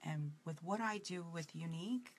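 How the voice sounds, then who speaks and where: A chatty woman with a New York accent and a low voice talks through a casual makeup tutorial. She rambles and drifts off topic, and a faint hiss sits under her voice. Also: moderate pace. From Brooklyn, New York.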